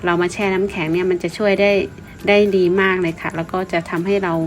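A woman's voice: on the low side, flat delivery, fast talker. Thai woman vlogging politely over music. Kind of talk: informal explanatory vlog narration.

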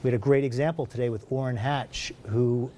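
A man speaking as a news panel guest, explaining events in a measured way. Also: mid-range voice, steady tone, warm tone, slight background noise.

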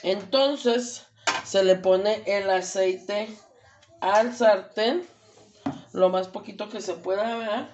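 In her home kitchen, a woman with a Mexican Spanish accent talks her way through a cooking demonstration, slowly and casually, full of fillers. The camera across the stove captures a medium-pitched, slightly mellow voice in a muffled recording with slight background noise.

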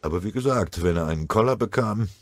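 A man narrating a war audiobook in a grave, measured way. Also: fairly low pitch, expressive, no echo. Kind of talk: scripted war story narration.

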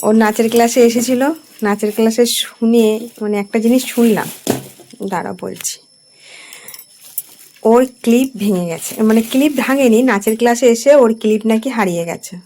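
Chatty Bengali woman, somewhat high voice. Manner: chatty, drawn-out, softly spoken at times. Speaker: vlogger. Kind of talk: casual home vlog. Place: home at night.

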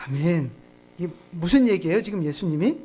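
Pastor, church sermon, chatty and joking, laughs often, asks the congregation questions, middle pitch. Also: animated, a little fast, warm tone. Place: church service.

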